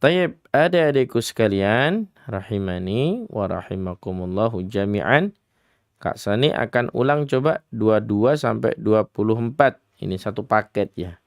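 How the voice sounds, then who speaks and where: A man with an Indonesian accent teaching children Quran recitation on a radio program, patiently explaining each letter and chanting verses slowly as examples. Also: fairly low pitch, animated, dry recording, clean studio sound. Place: radio studio.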